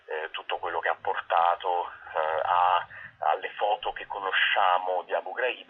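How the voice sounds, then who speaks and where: A theatre actor and director, a guest on the radio, answers interview questions conversationally while presenting a play, often rephrasing himself mid-sentence. His voice is husky and sits low, heard over a tinny telephone line.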